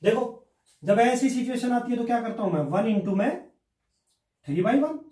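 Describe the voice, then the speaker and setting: A man's voice: very high-pitched, expressive, measured pace, mellow. A male maths teacher explains exercises step by step, keeps checking that the class follows, and answers his own questions. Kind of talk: blackboard maths lesson. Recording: echoey room, mic at a distance.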